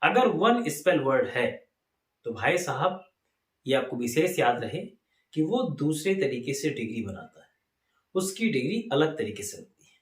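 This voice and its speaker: Male Indian teacher in a classroom, animated questioning delivery, room echo. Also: mid-range voice, unhurried, pauses often. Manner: lively, asks the class questions and answers them himself. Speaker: English teacher. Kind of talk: classroom lesson. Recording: echoey room.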